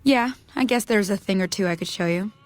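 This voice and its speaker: A woman's voice: mid-range voice, a little fast, no room sound, natural voice. A woman voicing a friendly, tough frontier woman with a dog in a video game, speaking casually.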